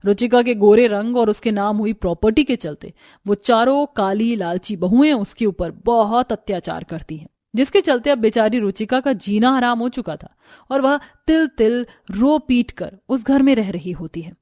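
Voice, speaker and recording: A woman narrating a cartoon story in a measured, dramatic storytelling voice. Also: fairly high pitch, lively intonation, a little mellow, dry recording, studio quality.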